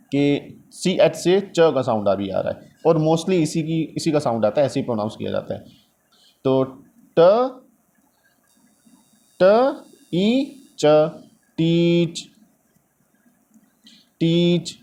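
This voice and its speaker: A man teaching English phonics, sounding out each letter slowly and mixing English words into his Hindi explanations. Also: medium pitch, lively intonation, dark tone. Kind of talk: phonics lesson.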